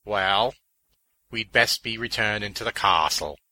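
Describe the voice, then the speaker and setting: A man voicing a measured, formal male knight. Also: fairly low pitch, bright, forceful tone, dry recording, heavily acted. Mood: solemn.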